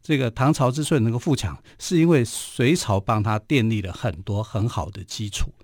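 A man's voice: mid-range voice, fairly quick, a little mellow, dry recording. A man with a Taiwanese Mandarin accent hosting a radio history show, telling stories casually with many filler particles, recorded in a studio. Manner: chatty, frequent filler particles.

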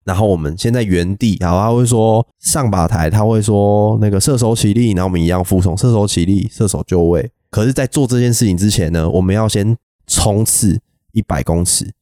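A young Taiwanese man telling army stories on a podcast, his voice low and dark, with a Taiwanese Mandarin lilt. He talks quickly in a rambling, animated way, in a dry, close-sounding room. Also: dry recording. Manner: rambling, animated, mimics shouting officers. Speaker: podcast host. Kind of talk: casual storytelling chat.

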